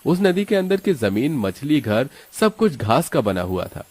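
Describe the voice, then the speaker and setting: A man narrating a cartoon story in a steady, explanatory storytelling manner. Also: mid-range voice, a little slow, no room sound.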